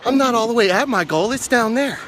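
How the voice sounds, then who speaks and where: A man's voice: very high voice, expressive, brisk, low-quality recording. A man hosting a motivational vlog, winded as he climbs outdoor steps and talks encouragingly into his handheld phone. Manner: encouraging, talks to camera while climbing stairs. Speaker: vlog host. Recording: loud wind noise on phone mic.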